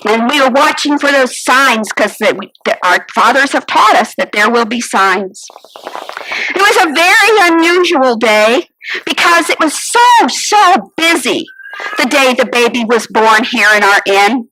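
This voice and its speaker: A woman's voice: on the high side, expressive, measured pace, sharp tone, slight background noise, low-quality recording. A woman playing a fretful, business-minded innkeeper's wife, telling her story in a theatrical monologue. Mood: kvetching. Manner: kvetching, theatrical, sighing and exclaiming. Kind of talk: first-person character monologue.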